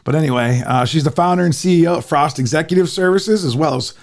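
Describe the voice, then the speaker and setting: Rambly middle-aged guy hosting a podcast, gravelly voice, a bit high for a man. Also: fast talker. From Ohio, USA. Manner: chatty, rambling, lots of fillers. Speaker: podcast host. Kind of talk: casual interview chat.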